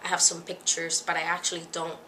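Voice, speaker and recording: A woman's voice: on the low side, completely flat delivery, brisk, bright, forceful tone, a little hiss or hum. A young woman from the Dominican Republic talking casually to camera in a vlog, hesitant and a little nervous, with many fillers. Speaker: vlogger.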